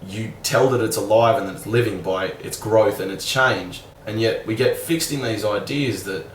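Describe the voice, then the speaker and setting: A man's voice: on the low side, normal speed. Young man, casual rambling vlog, fillers and mild swearing, faint hum behind. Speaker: vlogger. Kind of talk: casual reflective monologue. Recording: roomy sound, a bit far from the mic, faint background hum.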